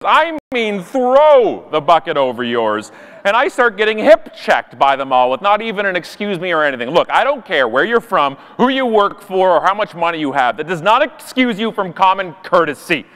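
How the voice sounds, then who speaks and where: A man's voice: high voice, very animated, a little fast, hardly any pauses, fairly bright tone. A man from Canada giving a comedic storytelling talk on a live event stage, exaggerated and full of sarcastic asides and mock voices. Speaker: conference speaker.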